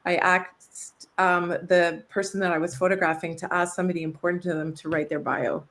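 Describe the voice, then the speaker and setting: Earnest woman moderator, lowish voice. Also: flat delivery, a bit bright. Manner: earnest, admiring, halting when ad-libbing. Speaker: panel moderator. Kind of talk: reading prepared introductions.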